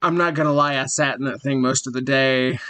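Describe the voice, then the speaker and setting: A man in his thirties co-hosting a casual podcast chat, telling lively stories and laughing at his own tales. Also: mid-range voice, a little fast. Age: 30s. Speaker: podcast co-host.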